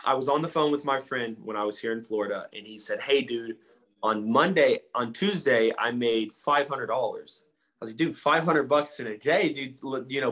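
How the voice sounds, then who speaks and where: A man's voice: mid-range voice, fairly bright tone. A man in his twenties, a guest, telling his story in a casual interview with a laid-back, slangy manner. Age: 20s.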